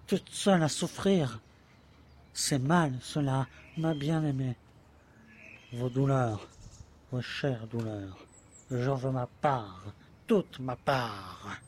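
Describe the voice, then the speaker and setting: A man acting out a devoted young lover who speaks slowly and tenderly, then pleads and insists with growing worry. His voice sits in a middling register and lingers over every phrase, as in an audio drama. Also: medium pitch, a little hiss or hum, natural voice. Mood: pleading. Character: adoring, anxious young male lover. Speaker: voice actor.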